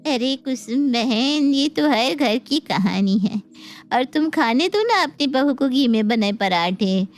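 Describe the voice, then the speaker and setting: A woman's voice: sits high, expressive, slow pace, faint music behind. A woman voicing a middle-aged village woman with folksy speech and blunt opinions in a cartoon. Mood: advising. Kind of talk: cartoon voice acting.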